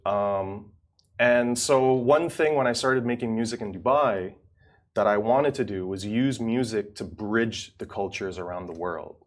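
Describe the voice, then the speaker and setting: Low-voiced easygoing man from Indonesia. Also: a little slow. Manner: easygoing, rambling, full of "like" and "you know". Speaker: musician guest. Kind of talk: casual interview chat.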